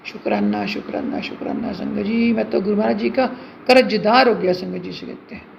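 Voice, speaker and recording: A woman's voice: mid-range voice, fairly quick, vocal fry. A middle-aged woman giving an earnest devotional testimony and addressing her listeners again and again. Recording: dull lo-fi recording with faint hiss.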